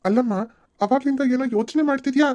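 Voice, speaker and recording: A woman voicing a mild, advising father in a cartoon serial, speaking in a calm, soothing way. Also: sits high, quick pace, lightly acted. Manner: mild calming.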